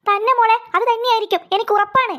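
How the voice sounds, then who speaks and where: A woman's voice: extremely high pitch, fairly even intonation, quick pace, sharp tone. A woman voicing a fearful old grandmother in a cartoon, talking in an anxious, insistent way. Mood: certain. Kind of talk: cartoon voice acting.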